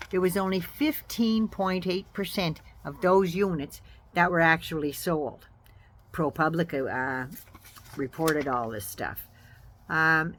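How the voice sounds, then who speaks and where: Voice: mid-range voice, a bit bright. An American host giving casual political commentary in a folksy, sardonic, salty-tongued manner.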